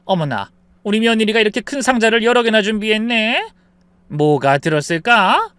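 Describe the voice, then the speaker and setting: A man voicing a proud seventy-year-old mother-in-law who dotes at first, then shouts in anger. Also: sits high, fast talker, clear, resonant tone, no echo. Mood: pleased.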